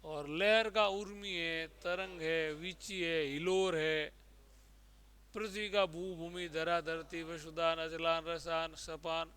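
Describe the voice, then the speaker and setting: A man's voice: fairly high pitch, steady tone, slow pace, pushed and bright, clear, resonant tone. A man with a Rajasthani Hindi accent teaching a Hindi exam-prep class, drilling words by repeating them and quizzing his students.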